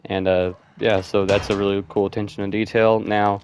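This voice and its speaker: A man's voice: on the low side, little pitch movement, normal speed, a little mellow, a little hiss or hum. A man giving casual, rambling gameplay commentary, thinking aloud with lots of fillers. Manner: rambling, loose, with frequent fillers like "and stuff".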